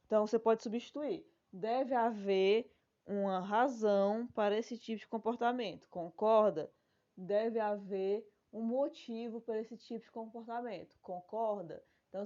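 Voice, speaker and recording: A Brazilian woman teacher in a recorded lesson explains each answer step by step, speaking in a patient, explanatory way and often pausing to check in with her students. Her voice sits at an ordinary middle pitch for a woman. The recording is dull and lo-fi. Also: darkish tone. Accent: Brazilian Portuguese. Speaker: schoolteacher.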